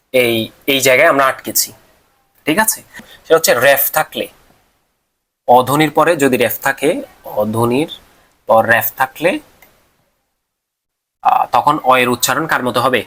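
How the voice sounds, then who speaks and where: Guy teaching a class, asks then answers himself, sounds out syllables slow, mid pitch. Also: fairly bright tone. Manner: asks students questions and answers them himself; repeats and sounds out syllables slowly. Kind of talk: classroom lecture on pronunciation rules.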